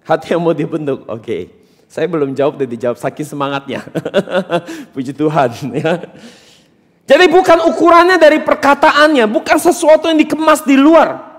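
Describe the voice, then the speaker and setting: High-voiced preacher in a reverberant hall. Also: male voice, expressive, normal speed, fairly bright tone. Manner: questions the congregation directly, teasing and emphatic. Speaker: pastor. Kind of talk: interactive sermon. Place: church hall during a service.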